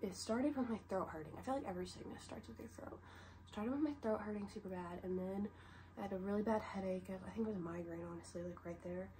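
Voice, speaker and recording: Warm in tone, medium in pitch and quick in pace, a young woman vlogger chats from her bed despite a stuffy head cold. Her casual show-and-tell rambling leans heavily on "like." The noisy home recording comes from a camera set low in front of her.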